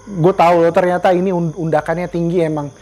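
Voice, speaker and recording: A man's voice: on the high side, steady tone, quick pace, dark tone. A man telling a first-person scary story in a casual, slangy way with a tense edge.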